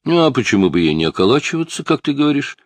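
A man playing a patient calm detective. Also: mid-range voice, quick pace, no echo, pitched above the performer's own voice. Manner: steady, patient questioning.

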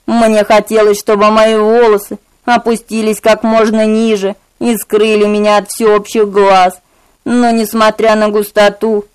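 A woman reading an audiobook aloud in measured, steady scripted narration. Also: medium pitch, clean tone, low-quality recording.

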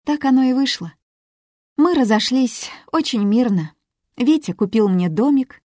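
Woman doing a defensive young woman, higher, earnest, dry sound. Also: expressive, a little slow, warm tone, dry recording.

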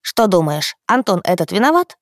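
A woman's voice: medium pitch, sing-song, moderate pace, dry recording, clean studio sound, close to an everyday voice. A woman voicing a stern, protective old grandfather who scolds in curt commands. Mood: gruff.

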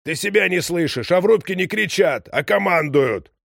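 A man putting on a stubborn old sailor, pitched well above his usual voice and swinging hard in tone, reproaching his captain with a scolding push. dry, close sound with no room around it. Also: very animated, moderate pace, vocal fry, a bit bright, breathy edge, no echo, full character voice. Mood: insistent. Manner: scolding, insistent, raised voice. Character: old gruff male ship's engineer, stubborn and moral.

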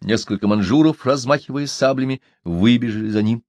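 A man narrating an audiobook of a novel in an expressive, dramatic reading style. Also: mid-range voice, a little fast, no echo, clean studio sound.

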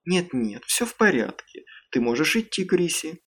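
Man doing tense teen girl, raised pitch, audiobook thriller. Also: very animated, moderate pace, a bit bright, heavily acted. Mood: guarded. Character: teenage girl Amanda, anxious and secretive.

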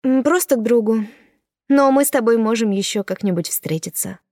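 A woman voicing a tired young woman who answers flatly and coldly. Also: a little high, normal speed, no echo, studio quality, pitched above the performer's own voice, natural voice. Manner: flat, cold, tired. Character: weary young woman, cold and detached.

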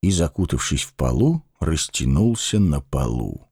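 A man giving a dramatic, rhythmic reading of a verse fairy tale in a lively, expressive way. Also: a bass voice, measured pace, breathy edge, no room sound, studio quality. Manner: rhythmic, expressive, voices each figure. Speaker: storyteller.

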